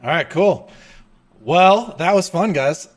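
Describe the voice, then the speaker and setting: A man's voice: sits high, expressive, slow. A young man hosting a live coding stream, chatting casually, thinking aloud and laughing often.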